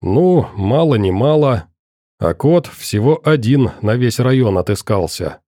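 A man's voice: medium pitch, expressive, dark tone, no echo, studio quality. A man voicing a coldly polite middle-aged interrogator in an audiobook, courteous and probing. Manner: pointedly courteous, probing, deliberate.

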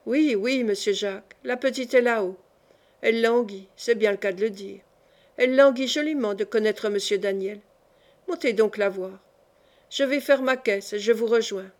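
A woman voicing a kindly older male shopkeeper who talks slowly and fumbles for his words, in an audiobook. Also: fairly high pitch, darkish tone, close to an everyday voice. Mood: fond.

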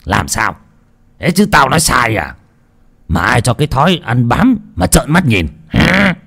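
A man voicing a cruel, greedy old landlord who growls harsh threats in a low voice. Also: very animated, a little slow, dark tone, husky, full character voice. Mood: menacing.

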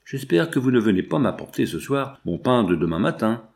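Un homme lisant à voix haute et prêtant sa voix à une jeune couturière orpheline, douce et triste. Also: male voice, mid-range voice, very animated, a little fast, gravelly, darkish tone. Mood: doux.

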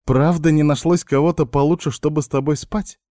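A man's voice: a little high, steady tone, fairly quick, dark tone, dry recording, clean studio sound, pitched above the performer's own voice, lightly acted. A man reading an audiobook, voicing a defiant young woman doctor with snappy, indignant retorts. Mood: mocking.

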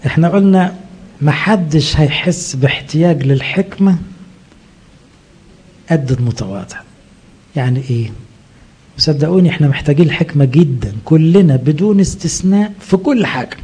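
A man's voice: fairly high pitch, dark tone, breathy edge. A middle-aged man with an Egyptian accent, a priest preaching a sermon who asks rhetorical questions and answers them himself. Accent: Egyptian Arabic.

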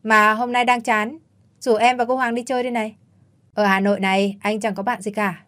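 A woman's voice: a little high, level tone, close to an everyday voice. A woman doing a breezy, chatty young man. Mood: cheerful. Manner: quick, loud and breezy. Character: lively joking young man, cheerful and talkative.

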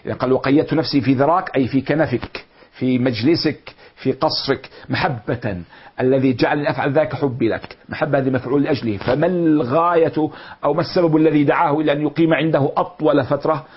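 A middle-aged man teaching a lecture on classical poetry, explaining slowly and repeating and glossing words. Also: a little high, slight background noise. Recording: dull lo-fi recording.

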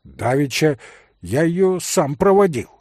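A man reading an audiobook, voicing a desperate, hot-tempered young man who shouts and pleads urgently. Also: a little high, expressive, slow pace, no echo, clean studio sound. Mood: anxious.

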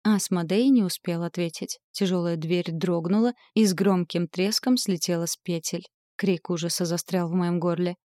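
Female audiobook narrator, low and mellow, expressive first-person fantasy read, dry close sound. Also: moderate pace, no echo.

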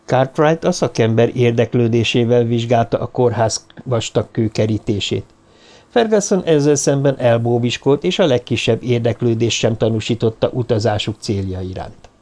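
A man narrating a novel as an audiobook, with a dark, mellow tone. His pitch sits in an ordinary middle range, and his reading is measured and expressive. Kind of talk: scripted narration.

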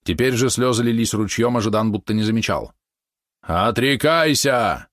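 A man reading a historical novel aloud as audiobook narrator, measured and steady. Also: fairly low pitch, no echo, studio quality.

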